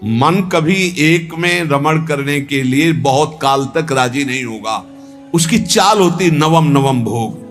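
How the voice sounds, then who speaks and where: A man with a slightly high voice tells a devotional legend as a spiritual teacher would. He slips into the characters' lines as he narrates. Soft music plays faintly under him. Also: takes it slowly. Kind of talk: devotional storytelling discourse.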